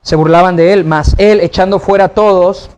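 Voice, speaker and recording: A man's voice: high-pitched, steady tone, normal speed, a little mellow, clear, resonant tone. A man preaching a sermon to his congregation, in a conversational style full of rhetorical questions. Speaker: pastor. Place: church.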